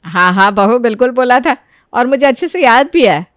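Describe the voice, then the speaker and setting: A middle-aged cartoon mother, played by a woman who scolds loudly and emphatically yet means well. Her voice sits a bit high and sounds close and dry. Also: expressive, moderate pace, no echo, close to an everyday voice. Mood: encouraging. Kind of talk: animated cartoon voicing.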